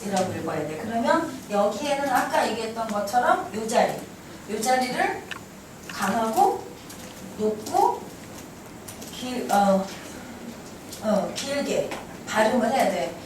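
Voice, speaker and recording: A woman teaching an English class, brisk and teasing, quizzing her students as she goes. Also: fairly high pitch, expressive. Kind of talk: classroom lecture. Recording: echoey classroom from far off, noisy.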